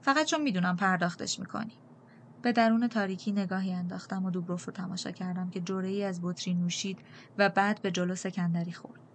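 A woman narrating a novel in the first person, with a calm and measured reading style. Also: lowish voice, a little hiss or hum. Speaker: audiobook narrator.

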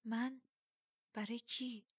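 A woman's voice: medium pitch, no room sound, voice pushed up, natural voice. A woman voicing a frightened, stubborn young heroine who sounds tense and uneasy.

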